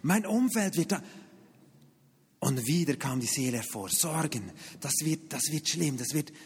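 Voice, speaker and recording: A middle-aged pastor preaches in a husky, fairly high voice, springing up and down in pitch as he acts out his own stories. He is recorded in a hall with a long, ringing reverb. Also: measured pace. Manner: animated storytelling with sudden pitch jumps and asides. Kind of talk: sermon.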